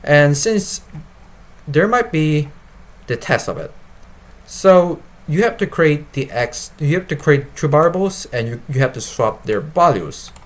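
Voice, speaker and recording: A man speaking non-native English, informally explaining and demonstrating his software in a halting way, often repeating and rephrasing himself. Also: on the high side, animated. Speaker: developer presenting his web app. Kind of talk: informal product demo and explanation.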